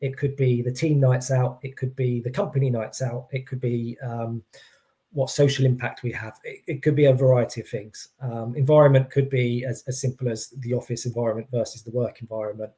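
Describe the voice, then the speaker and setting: A man's voice: mid-range voice, fairly even intonation, fairly quick, warm tone. A man giving an informal expert explanation, hesitant, often restarting and qualifying his points. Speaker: employee engagement consultant as guest.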